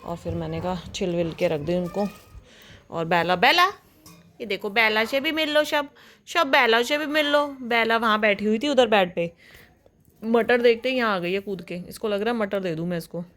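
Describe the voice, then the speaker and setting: A woman's voice: medium pitch, moderate pace, a bit bright. A young woman chatting casually in a home vlog, cooing now and then to her pet dog. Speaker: vlogger. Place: at home indoors.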